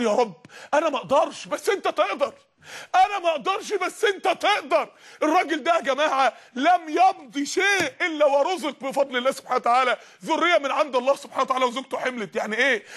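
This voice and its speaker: Egyptian guy preaching, talks real fast and high, keeps firing questions, gets shouty. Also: slightly rough. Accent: Egyptian Arabic. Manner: emphatic, rhetorical questions, rising to shouts. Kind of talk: sermon.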